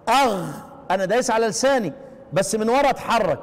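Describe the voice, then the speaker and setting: Egyptian man, high voice, recitation teacher, rhetorical questions, slow chanted examples, long hall reverb. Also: lively intonation. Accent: Egyptian Arabic. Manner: slows down to chant example phrases. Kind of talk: recorded lesson on Quranic readings. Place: class with students.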